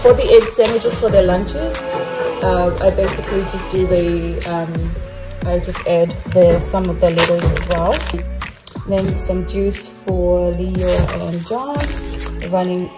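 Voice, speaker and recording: A woman's voice: lowish voice, steady tone, slow, over music. Chatty woman showing her groceries. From New Zealand. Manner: chatty, many ums and restarts. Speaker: family vlogger. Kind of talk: casual grocery haul narration. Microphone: phone held at arm's length.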